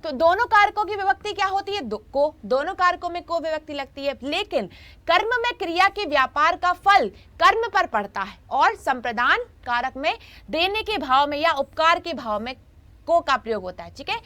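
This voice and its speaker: A woman's voice: extremely high pitch, big pitch swings, moderate pace, bright, forceful tone. A woman teaching a grammar lesson in an online class, repeating her points and often checking in with her students.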